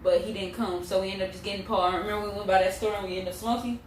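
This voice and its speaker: A woman's voice: medium pitch, fairly even intonation, rapid-fire. A young adult woman telling a personal story in casual, slangy, blunt vlog chat, swearing freely. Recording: roomy echo, distant mic, faint noise.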